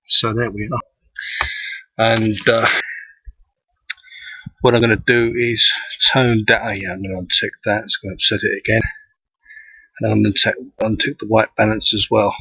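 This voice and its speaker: Tinny, bass-less man. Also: fairly even intonation, normal speed, vocal fry, long pauses, sharp tone, husky, dry recording. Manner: thinking aloud while working. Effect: thin tinny sound with no bass. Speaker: amateur astronomer. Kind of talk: live how-to commentary. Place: outdoors at night. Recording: dull lo-fi outdoor recording.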